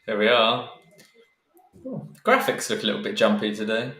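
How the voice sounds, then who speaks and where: A man's voice: on the low side, big pitch swings, moderate pace, sharp tone. A British man co-commentating a race in casual, joking, teasing banter. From United Kingdom. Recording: roomy echo.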